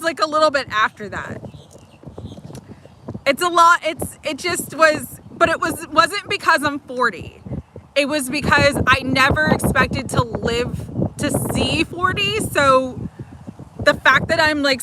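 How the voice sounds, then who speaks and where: A woman in her forties does oracle card readings on a livestream, warm, chatty and affirming, giggling often between lines. She speaks slowly in a high voice over a noisy background, picked up by a livestream mic.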